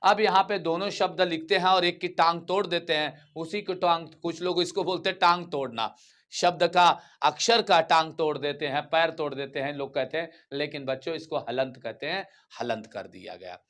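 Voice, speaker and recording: A man's voice: fairly high pitch, moderate pace, a bit bright. A man teaches a grammar lesson in a slightly raised register. He drills his students by asking a question and then answering it himself, repeating the key term again and again. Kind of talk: classroom grammar lecture.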